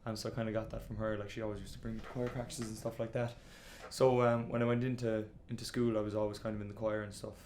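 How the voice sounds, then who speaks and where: A man's voice: lowish voice, flat delivery, quick pace, few pauses, a little mellow, a little hiss or hum. A man in his twenties with an Irish accent, the band's singer, telling his story in a casual interview full of fillers like "kinda" and "like.". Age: 20s. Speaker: band singer and guitarist.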